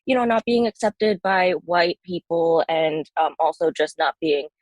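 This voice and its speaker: A woman's voice: lowish voice, steady tone, a little slow, no echo. A woman in her thirties from Bangladesh, raised in New Jersey, talking casually as an interview guest, with lots of ums and likes and a matter-of-fact tone. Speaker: guest poet.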